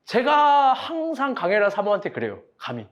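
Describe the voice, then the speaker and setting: A man's voice: high voice, wildly swooping pitch, moderate pace, fairly bright tone, highs cut off. A young man preaching a sermon in a casual, joking way, asking his congregation direct questions and acting out quoted arguments.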